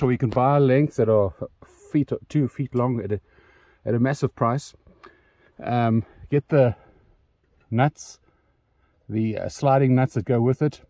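Outdoors, the host of a DIY solar channel gives a casual vlog walkthrough of his homemade solar panel mount, a bit out of breath and rambling with many ums and restarts. His voice is medium-pitched and dark in tone, with no echo.

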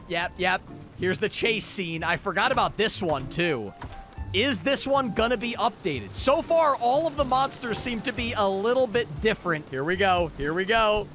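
A man's voice: high-pitched, fairly bright tone. A man giving frantic gameplay commentary, repeating his exclamations as he panics. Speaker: gamer reacting.

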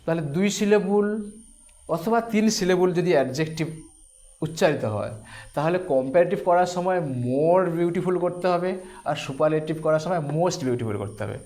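A man teaching an English grammar lesson, speaking slowly and deliberately, repeating terms and splitting words into syllables. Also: on the high side, animated, darkish tone. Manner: asks questions then answers them himself.

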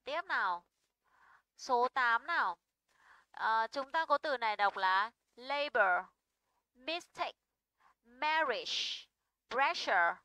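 A woman's voice: fairly high pitch, animated, slow pace, pauses often, bright, forceful tone, clear, resonant tone, no echo, low-quality recording. A young woman teaching an English pronunciation lesson. She is patient and often checks in with her students.

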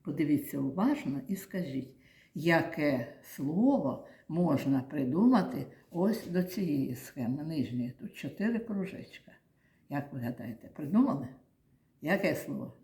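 Slow, patient woman teaching small children. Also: sits low, expressive, warm tone. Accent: Ukrainian. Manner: slow, patient, drawn-out sing-song speech, answers her own questions. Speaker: kindergarten teacher. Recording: echoey room.

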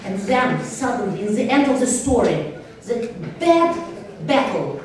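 Woman presenter, high voice, halting phrasing, distant, very echoey hall. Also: big pitch swings. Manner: halting, searching for words. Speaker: conference presenter. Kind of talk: presentation with storytelling. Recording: echoey hall, speaker far from mic.

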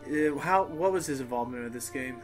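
A man chatting casually during a game playthrough, quick and full of questions. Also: mid-range voice, soft background music.

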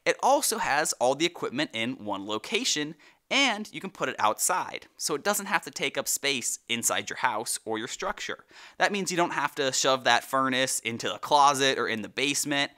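Lively, bright-voiced young man explaining. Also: mid-range voice, normal speed. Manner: upbeat, friendly, talks with his hands. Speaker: company video host. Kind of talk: scripted explainer to camera. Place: indoor studio set.

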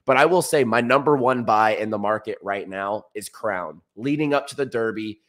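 A man's voice: lowish voice, moderate pace, fairly bright tone. A young American man hosting a show, giving casual, enthusiastic and slangy market commentary. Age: young adult. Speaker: crypto show host. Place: small indoor room, streaming setup.

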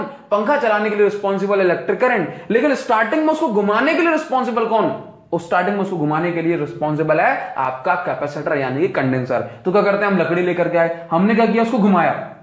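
A man's voice: high-pitched, echoey room. A man teaching physics in a classroom lecture, asking questions and answering them himself.

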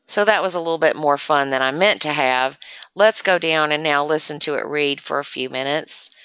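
A woman presenting a software demonstration lesson, explaining step by step in a chatty way with many fillers, close to the mic. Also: deep voice, normal speed, smooth, dry recording. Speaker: assistive technology presenter.

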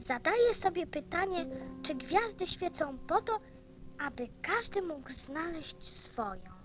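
A woman's voice: very high voice, very animated, a little slow, exaggerated voice. A woman playing a lonely, curious, innocent little boy prince in a radio play. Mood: wistful. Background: faint music.

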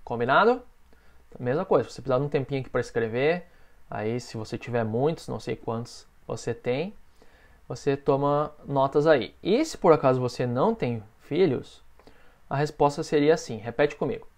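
Teaching a beginners' English class, a Brazilian Portuguese-accented man drills phrases with patience and says every model sentence slowly. He sounds animated at a medium pitch.

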